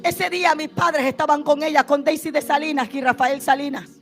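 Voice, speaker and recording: A woman preacher giving an impassioned testimony sermon, shouting at the peaks and dropping soft and slow in the painful parts. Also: high-pitched, steady tone, soft background music. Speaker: prophet, preacher. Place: church or conference stage.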